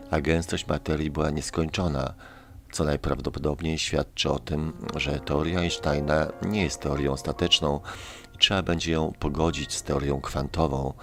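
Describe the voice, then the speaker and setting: A man giving scripted narration for a science channel, in a calm, measured, explanatory way. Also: extremely low pitch. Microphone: voice-over. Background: background music.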